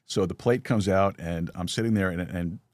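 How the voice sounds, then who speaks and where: A middle-aged man hosts a relaxed live conversation, his voice sitting very low. He tells stories loosely, restarting phrases and chuckling along the way. The sound is dry and close. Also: normal speed, dry recording. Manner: storytelling with lots of restarts and chuckles. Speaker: podcast host. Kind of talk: casual live chat.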